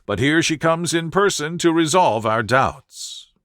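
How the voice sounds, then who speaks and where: A man voicing a calm, shrewd, self-assured detective in an audiobook story, speaking in a precise, explanatory way. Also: a little high, unhurried, dry recording, studio quality, pitched above the performer's own voice. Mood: analytical.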